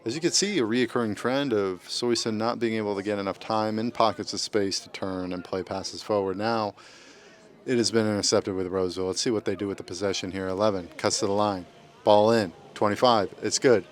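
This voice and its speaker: A man's voice: lowish voice, steady tone, brisk. Casual joking amateur soccer commentator, man. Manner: joking, informal, tries bits of Spanish. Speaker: match commentator. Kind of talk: casual live play-by-play commentary.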